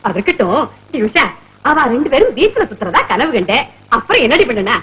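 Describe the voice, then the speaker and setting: A woman's voice: sits high, big pitch swings, fairly quick, fairly bright tone, breathy edge, exaggerated voice, low-quality recording. An actress playing a meddling, scheming married neighbor woman in a classic film comedy, talking in a bossy, gossipy way full of theatrical exclamations. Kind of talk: 1970s Tamil film comedy acting.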